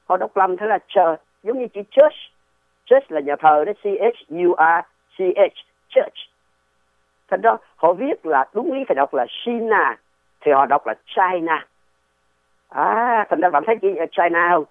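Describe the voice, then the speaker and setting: A man's voice: high-pitched, lively intonation, normal speed, no room sound. A man, a guest explaining history in a casual, digressive way and often asking rhetorical questions. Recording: tinny dry phone line.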